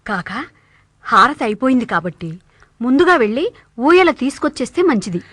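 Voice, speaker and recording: Sensible female devotee, bright voice. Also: fairly high pitch, very animated, normal speed, no echo. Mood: concerned. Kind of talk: devotional drama dialogue.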